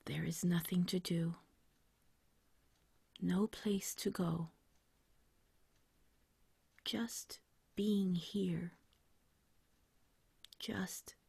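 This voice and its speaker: A woman guiding a meditation like a sleep story narrator, in a soft, whispery, breathy voice with a gentle, soothing, unhurried manner. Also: lowish voice, dry recording. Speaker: meditation guide.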